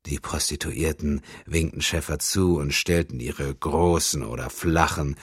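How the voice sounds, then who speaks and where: Deep raspy guy reading a crime audiobook, steady, dry studio sound. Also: a little slow, no echo. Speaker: audiobook narrator. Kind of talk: scripted narration of a crime thriller.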